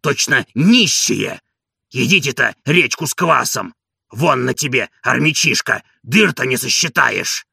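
A man voicing a hoarse, devoted old servant in an audiobook, indignant and boastful. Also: mid-range voice, animated, a little slow, sharp tone, no room sound, studio quality, heavily acted. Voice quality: gravelly, hoarse.

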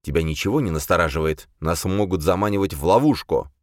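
A defensive young sorcerer-leader, voiced by a male narrator who talks gruff and clipped, always on edge. The voice is low and lively in its rises and falls. The recording is dry and close. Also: fast, no echo. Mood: irritable.

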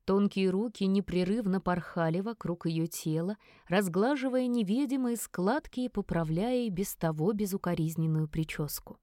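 A woman narrating a first-person fantasy audiobook in a lively, expressive reading. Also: mid-range voice, normal speed, few pauses, no room sound, clean studio sound.

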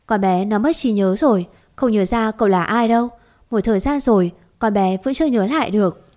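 A woman voicing a kind, motherly village woman who speaks gently and turns tearful. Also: medium pitch, fairly quick, natural voice. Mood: gentle.

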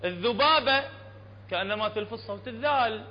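A high-voiced man with an Iraqi Arabic accent teaches a Quran recitation lesson, drawing out letter sounds to demonstrate them and checking that his listeners follow. The recording is dull and lo-fi, with a long hall echo and a faint hum behind him. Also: animated. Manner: explanatory, checks understanding often, demonstrates sounds slowly. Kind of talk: classroom lesson on tajweed.

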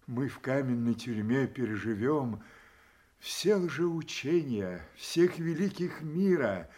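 Old captive king, fatherly yet defiant; slow, highly animated theatrical declamation for audio tragedy. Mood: tender, dreamy. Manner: declamatory, drawn-out, emotional. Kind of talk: theatrical Shakespearean radio drama acting.

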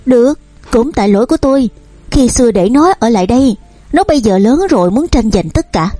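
A spiteful stepmother who is cold and cutting, played by a woman. Her lines rise higher than the narration. The voice is husky and the recording is dry. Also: lively intonation, fairly quick, dry recording, faint music behind. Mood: angry. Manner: sharp, cold, shouting. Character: bitter, spiteful middle-aged stepmother.

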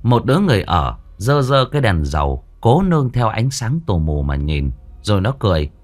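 A man's voice: on the low side, very animated, normal speed, soft background music. A man, dramatically narrating a ghost story.

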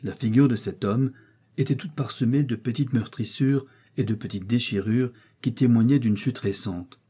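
A man reading a short story aloud in measured audiobook narration. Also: medium pitch, warm tone, husky.

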